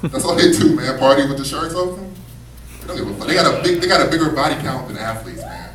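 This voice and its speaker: Fast and fairly high-pitched, this comedian's voice swings wildly in pitch as a crowd murmurs behind him. Captured from afar in an echoey, noisy club with laughter from the audience, he tells laid-back, chatty stories peppered with slang.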